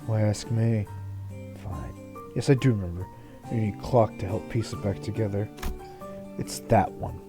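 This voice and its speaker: A man's voice: normal speed, pauses often, over music, natural voice. A man doing a curt, reluctant woman. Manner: clipped, low, flat.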